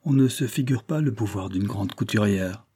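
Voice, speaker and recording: A man's voice: lowish voice, normal speed, mellow, husky. A man reading aloud voices a proud, worldly middle-aged woman dressmaker who speaks in a dry, knowing, confiding way.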